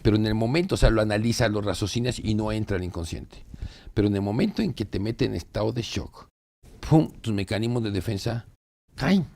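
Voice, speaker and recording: A man's voice: fairly low pitch, a little fast, vocal fry, a little mellow. A man, a psychologist explaining ideas through anecdotes, acting out the quoted dialogue and tagging rhetorical "¿no?". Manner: storytelling, acts out quoted dialogue, asks rhetorical "¿no?". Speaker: psychologist guest.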